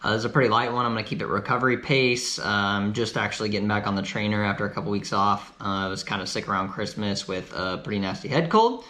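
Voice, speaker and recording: A man's voice: lowish voice, quick pace, hardly any pauses, sharp tone, reverberant. A man vlogging casually about his food for the day, easygoing and chatty, sometimes talking while he eats at home. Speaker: cycling vlogger. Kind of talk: casual vlog to camera. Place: home, kitchen and couch.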